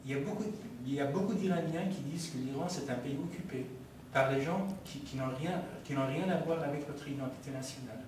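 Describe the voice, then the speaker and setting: Answering questions at a film debate, a medium-pitched man from Iran, a native Persian speaker, talks haltingly with frequent fillers and restarts. The recording picks him up from a distance in a very echoey community meeting hall, with faint noise.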